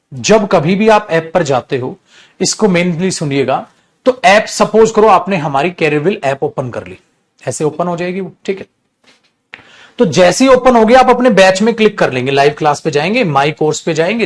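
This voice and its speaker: A male English teacher giving an online class lecture, calling his students "beta" and explaining step by step in repetitive lists, with bursts of scolding. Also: high-pitched.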